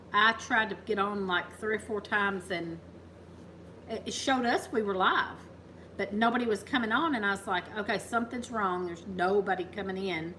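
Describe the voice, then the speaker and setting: A woman's voice: medium pitch, bright, forceful tone, poor audio. Woman, casual livestream host, teasing, laughs easily, faint hiss. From Kentucky, USA. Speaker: farm channel host.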